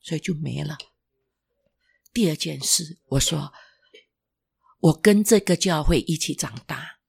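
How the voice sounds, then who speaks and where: Gravelly husky older testimony speaker. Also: mid-range voice. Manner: halting, restarts, soft whispered stretches. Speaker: former pastor giving testimony. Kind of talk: emotional personal testimony.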